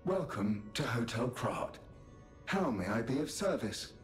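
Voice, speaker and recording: Robot faking human, male puppet concierge, stiffly courteous, lively sing-song pitch, video game voice. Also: a little slow, soft background music. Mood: stiffly polite. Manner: stiff, scripted courtesy, repeats its greetings. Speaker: hotel concierge.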